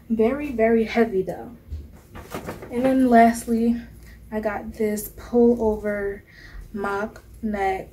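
A woman's voice: medium pitch, warm tone, a little hiss or hum. A young woman vlogger chatting casually about her shopping haul in her bedroom, playful and laughing often. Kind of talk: casual haul vlog talk. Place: bedroom indoors. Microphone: camera mic at close range.

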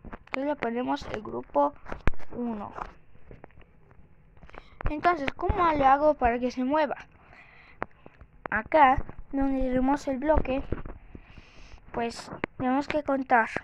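High, slow, halting youthful woman, noisy recording. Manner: halting, thinking aloud. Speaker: tutorial host. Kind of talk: casual step-by-step game tutorial. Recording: muffled lo-fi mic with clicks and noise.

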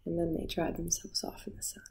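A melancholy young woman, played by an actress, delivers a pensive stage monologue. Her voice sits low and mellow, with a creaky edge. She is wistful and self-aware, hushed and leaving long pauses. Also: monotone. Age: 20s. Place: living room, indoors.

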